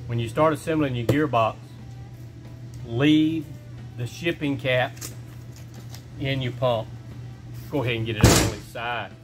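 Middle-aged man, workshop how-to, easygoing folksy delivery, mid pitch, music bed underneath. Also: measured pace, long pauses. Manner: plain step-by-step talk with folksy phrasing. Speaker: shop owner showing a repair. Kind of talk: casual how-to instruction. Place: indoor workshop. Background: background music.

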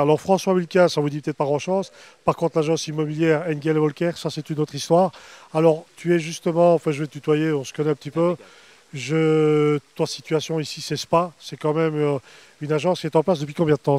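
A chatty middle-aged man fronts an outdoor reception with a handheld mic, his voice sitting a little high for a man. The sound is close and dry. He keeps an upbeat presenter's tone. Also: little pitch movement, a little fast, a little mellow, no room sound. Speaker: interviewer. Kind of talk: event interview. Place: outdoors on a lawn at an evening reception. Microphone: handheld microphone.

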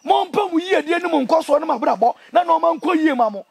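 A young Ghanaian man speaks at a very rapid clip in an impassioned interview. His voice sits extremely high for a man, and his delivery is indignant, emphatic and animated. The sound is close and dry. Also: creaky, dry recording. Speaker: interview guest, traditional priest. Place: outdoors among trees.

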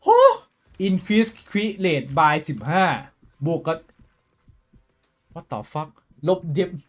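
A man streaming a game live, talking with his viewers in a profane, excitable way that swings between loud outbursts and quiet muttering. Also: high voice, drawn-out words, soft background music. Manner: switches between shouting and muttering. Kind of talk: casual live-stream commentary.

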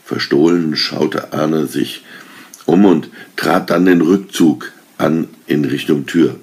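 Slow, gravelly male storyteller. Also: rumbling low, a little mellow. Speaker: reader. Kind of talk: reading a Christmas story aloud.

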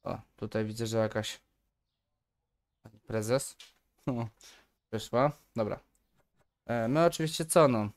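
A man's voice: medium pitch, slow, long pauses. A man giving casual, playful commentary while playing a game, bantering in a mock-polite shopkeeper tone. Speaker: gaming YouTuber. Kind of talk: casual let's play commentary.

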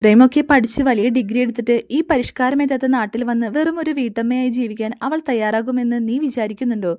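A woman's voice: on the high side, fast talker, dark tone, no room sound, studio quality, lightly acted. A woman voicing a probing, wistful older sister figure in an audio story.

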